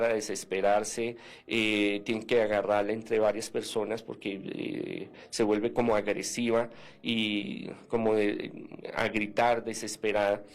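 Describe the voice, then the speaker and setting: A man, a former seminarian, telling a story as a radio interview guest, acting out the dialogue with many hesitant fillers. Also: fairly low pitch.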